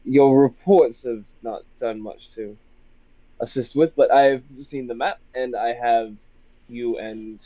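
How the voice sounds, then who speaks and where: A man playing a tabletop game over group voice chat on his phone, roleplaying a stiff, formal military officer with halting restarts. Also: mid-range voice, no room sound. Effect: heard through group voice chat on a phone. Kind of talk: in-character roleplay and casual chat. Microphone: phone microphone. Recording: dull lo-fi voice chat audio, dry.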